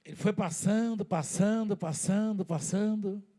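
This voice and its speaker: A man's voice: high voice, a little slow, warm tone. A man with a Brazilian Portuguese accent preaching a sermon in a conversational way, with rhetorical questions and repeated words.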